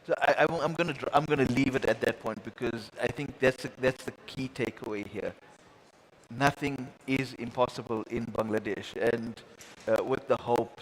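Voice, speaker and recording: A man's voice: medium pitch, slight background noise, rough recording. A man moderating a panel dialogue, gracious and formal, with frequent stammered restarts. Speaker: moderator, host.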